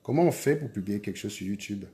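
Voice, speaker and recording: A man's voice: on the low side, expressive, fast talker, dark tone. A man hosting a live stream, chatting casually and repeatedly urging his viewers to hurry. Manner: urgent, repetitive urging of viewers.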